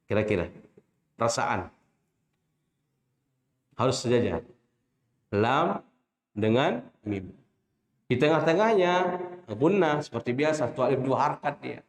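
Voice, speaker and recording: A man with an Indonesian accent teaching Quran recitation, drilling letter names slowly and quizzing his students with short questions. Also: medium pitch, expressive, roomy sound. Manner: chants drawn-out letter names when demonstrating. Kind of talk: classroom lesson with call-and-response recitation.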